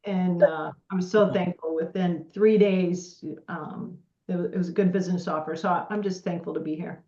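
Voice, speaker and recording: A middle-aged woman guest on a podcast, chatting casually and telling stories in an animated way. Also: on the low side, normal speed, roomy sound, highs cut off. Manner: chatty, storytelling, animated quoting. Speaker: podcast guest, partnerships director. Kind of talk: casual conversational chat.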